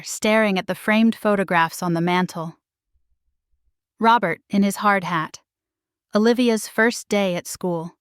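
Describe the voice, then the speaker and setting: A woman narrating a dramatic first-person story in a measured, emotional way. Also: medium pitch, smooth, dry recording, studio quality.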